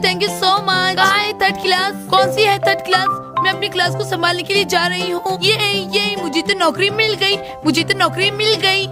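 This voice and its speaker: A woman voicing a cheeky, scheming female teacher in a doll story. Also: very high-pitched.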